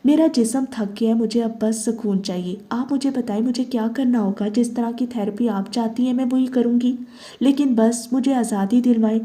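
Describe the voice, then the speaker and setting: Woman reading a steady, worn-out young heroine, calm and firm, mellow tone. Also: fairly high pitch, lightly acted. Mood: calm resolve. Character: composed weary young woman seeking therapy.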